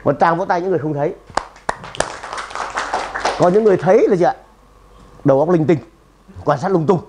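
A man giving a lively seminar talk to an audience, emphatic and punchy, often firing questions at the room. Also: a little high, fairly quick, background noise. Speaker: seminar speaker and trainer.

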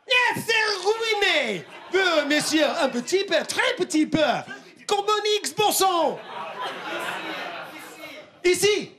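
A man's voice: very high voice, exaggerated voice. A man playing a pompous fake French folk singer with a thick French accent, performing live comedy. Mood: mock indignant. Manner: hammy, mock-pompous, mixes French and English. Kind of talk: live stand-up comedy song. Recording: live venue with music and loud crowd.

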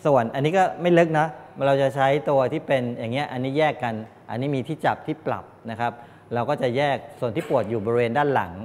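In a medium-sized classroom full of students, an older technical college lecturer gives a halting lecture sprinkled with polite particles. The audio echoes off the room, and there is a low rumble along with clear background noise.

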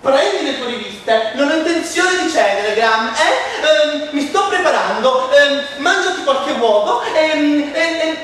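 Guy doing a flighty old mum, high squeaky voice, all ehms, echoey stage far off. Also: lively intonation, measured pace, hardly any pauses, fairly bright tone, slight background noise, full character voice. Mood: flustered. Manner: high, fluttery, full of hesitant "ehm"s. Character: fussy elderly mother, coquettish and flighty. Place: theatre stage.

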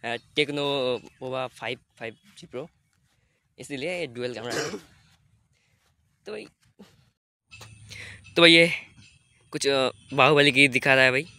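This teenage vlogger talks in a chatty, casual way, filming himself at arm's length on his phone's selfie camera on an outdoor field and later at home, and he keeps addressing viewers as "brother." His mid-range male voice is slow, pushed, and bright, with long pauses, in a dry recording.

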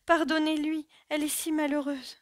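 A woman voicing an old, distraught servant who pleads in a high, desperate voice. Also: little pitch movement, normal speed, no room sound, studio quality, lightly acted. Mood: pleading, frantic. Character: old, frantic female servant pleading on her knees.

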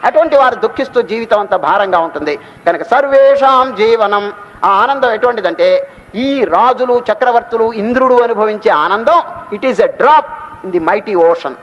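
A man giving a devotional discourse, explaining verses in a conversational way and chanting them slowly. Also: high voice, expressive, fairly bright tone. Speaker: spiritual discourse speaker. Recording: dull audio with long hall reverb.

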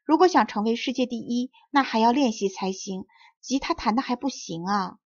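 A woman voicing a mild, gently teasing young man who plays guitar. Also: a little high, normal speed, dry recording, muffled recording, close to an everyday voice. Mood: gentle.

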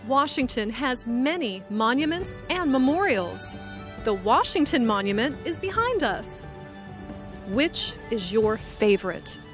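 An upbeat, high-voiced woman reporter hosts an English lesson, conducting slow, clear, scripted interviews outdoors on city streets with a handheld microphone. She is very animated yet unhurried and enunciates carefully, with faint music in the background.

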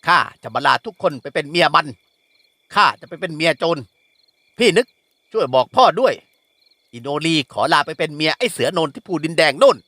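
A man's voice: a little high, big pitch swings, normal speed, pushed and bright, no room sound, exaggerated voice. A man doing a fierce young village woman. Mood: defiant. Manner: bold, declaring.

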